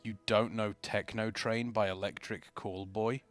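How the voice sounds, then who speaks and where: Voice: mid-range voice, fairly even intonation, measured pace. A livestream co-host and caster with a playful, hyped-up way of stretching out announcements. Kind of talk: excited live stream hosting and commentary. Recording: music behind the voice.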